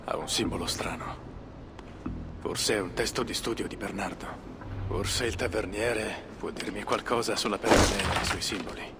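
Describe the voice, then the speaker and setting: A man's voice: lowish voice, moderate pace, lightly acted. A man playing a composed Viking warrior on a search in a video game dub. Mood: focused, pensive. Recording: clear background noise from game ambience.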